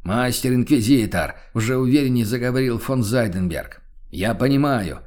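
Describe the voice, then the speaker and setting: A man's voice: medium pitch, animated, normal speed, darkish tone, natural voice. A man voicing a hesitant but stern nobleman in an audiobook, reproaching with formal politeness. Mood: reproachful.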